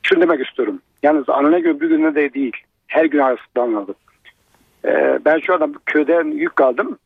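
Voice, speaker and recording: Man, fairly high voice, blunt, over a landline phone, tinny line. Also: very animated, fairly quick, vocal fry, slightly rough, dry recording. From Malatya, Turkey. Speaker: caller, truck driver. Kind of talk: call-in radio phone chat.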